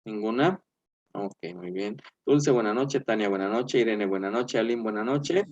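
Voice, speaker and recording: A man's voice: fairly low pitch, moderate pace, a little mellow, lo-fi sound. Chatty male teacher on a video call. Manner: chatty, fills with "eh" and "este", asks "¿verdad?". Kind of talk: online class lecture.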